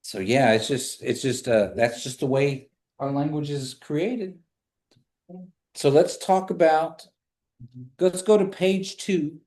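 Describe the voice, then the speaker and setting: A man's voice: a little high, takes it slowly, darkish tone. A man teaching a language class in a casual, conversational way. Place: indoor classroom. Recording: echoey room.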